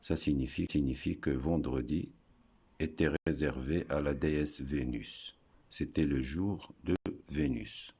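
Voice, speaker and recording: A man giving a slow, deliberate lesson, breaking words into syllables and pausing often. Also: a bass voice, creaky, a little mellow, husky. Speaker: teacher explaining word origins.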